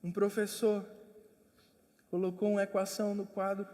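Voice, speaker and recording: A man's voice: sits high, little pitch movement, normal speed, a little mellow, big-room sound. A man preaching a sermon as pastor, with emphatic, repetitive exhortation. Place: church.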